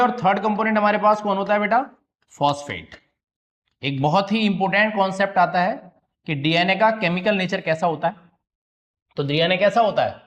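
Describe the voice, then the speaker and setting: High-voiced man teaching biology. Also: a bit bright, lo-fi sound. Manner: asks questions and answers them himself, repeating key terms; calls students "beta", checks they understood. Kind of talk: classroom lecture at a slide board.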